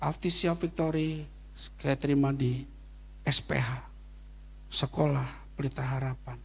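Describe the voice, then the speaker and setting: Animated middle-aged pastor with a gravelly voice. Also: male voice, mid-range voice, measured pace. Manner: animated preaching with sudden loud peaks; casual Jakarta slang in anecdotes. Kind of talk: sermon.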